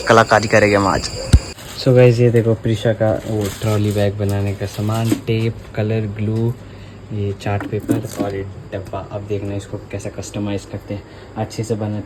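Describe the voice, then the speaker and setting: A man's voice: on the low side, flat delivery, moderate pace, background noise. Chatty young man vlogging at home. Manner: chatty, teasing, addresses viewers as guys. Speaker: family vlogger. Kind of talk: casual home vlog narration. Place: family home. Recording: loud crickets chirping behind.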